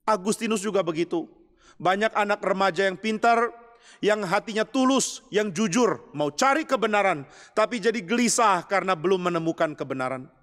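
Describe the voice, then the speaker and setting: A man's voice: high-pitched, a bit bright, in a large hall. A man, a pastor, preaching a storytelling sermon in a chapel, acting out the voices of the people he describes.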